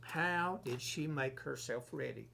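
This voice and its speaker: Gravelly-voiced man teaching scripture. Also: mid-range voice, pushed and bright, a little hiss or hum. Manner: reads scripture aloud and explains it verse by verse; unhurried, asks himself questions and answers them. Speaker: pastor leading a Bible study. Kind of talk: conversational Bible teaching.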